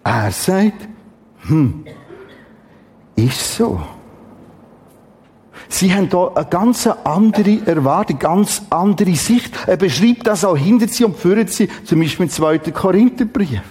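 A middle-aged man preaching a Bible teaching, dramatic and emphatic with exclamations and long pauses. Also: high-pitched, animated, a little mellow, breathy edge.

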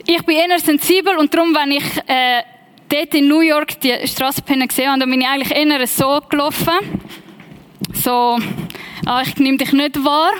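Swiss German woman, young, high voice, chatty sermon storyteller, mixes in English. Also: smooth. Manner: lively, personal, conversational storytelling with English phrases. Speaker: preacher.

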